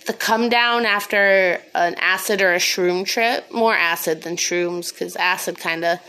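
A woman's voice: fairly low pitch, measured pace, bright, forceful tone, smooth. A woman podcast host rambling casually and confessionally on her own, candid, sweary and self-deprecating, a little sniffly, recorded on a phone. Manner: snorting laugh.

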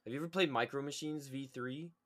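A man hosting a casual podcast chat, laid-back and quick to laugh and chime in. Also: mid-range voice, crowd noise. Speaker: podcast host.

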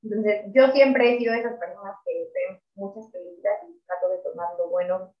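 A woman's voice: mid-range voice, steady tone, brisk, soft background music. A young Mexican woman co-hosting a podcast, talking in an earnest, reflective way with casual slang. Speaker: podcast co-host. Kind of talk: casual chat. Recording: echoey room, far from mic, dull lo-fi sound.

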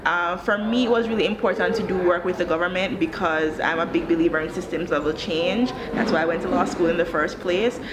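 In a conversational interview, a Jamaican woman in her thirties tells her own career story as country director of an education social enterprise. Her lowish voice is brisk with hardly any pauses, and she explains things articulately. The recording has a clearly noisy ambient background.

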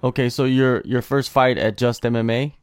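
Relaxed male interviewer. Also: medium pitch, normal speed, clean tone, no room sound, studio quality. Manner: relaxed, conversational questioning. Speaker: interview host. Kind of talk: casual interview.

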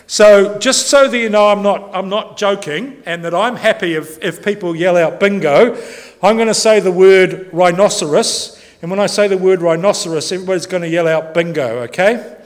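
A man's voice: sits high, normal speed. A male pastor, giving an informal, joking sermon in a church. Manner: chatty, joking, self-interrupting. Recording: long church reverb.

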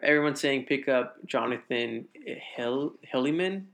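Bright-voiced man giving laid-back fantasy advice. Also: medium pitch, gravelly. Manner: laid-back, halting with restarts, gives advice. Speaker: fantasy football podcast co-host. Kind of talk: casual sports chat.

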